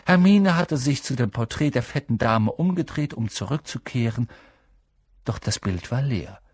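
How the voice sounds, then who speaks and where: A man narrating an audiobook in an expressive storytelling manner. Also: medium pitch, moderate pace, breathy edge, dry recording. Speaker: audiobook reader.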